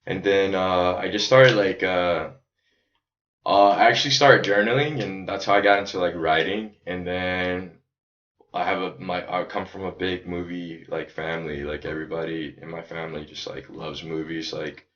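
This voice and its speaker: An independent filmmaker from Chicago talks loosely and haltingly as a podcast guest, leaning heavily on "like" in casual conversation. His voice sits low, with a steady, fairly bright tone, and the echoey room gives the recording a dull, lo-fi quality.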